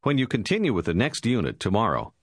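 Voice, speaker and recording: A man with a very deep, husky voice reads out a recorded language lesson. His intonation moves a lot as he explains pronunciation step by step in a measured, instructive way. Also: wildly swooping pitch. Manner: measured, clear teaching delivery. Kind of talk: scripted instructional narration.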